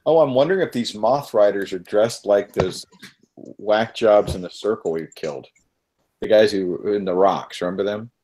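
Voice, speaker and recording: A man's voice: fairly low pitch, moderate pace, dark tone. A man chatting casually and joking as a player in a tabletop game session.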